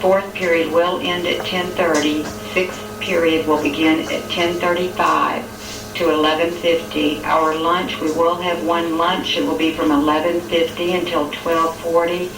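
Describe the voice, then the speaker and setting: Flat announcer over the school intercom. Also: mid-range voice. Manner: even, businesslike reading of a schedule. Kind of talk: public announcement. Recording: echoey intercom heard from far off, noisy.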